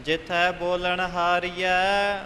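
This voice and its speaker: Male reciter, bright voice, steady chanting of scripture, hall reverb with light hiss. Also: high voice. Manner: measured, melodic chanting in short phrases.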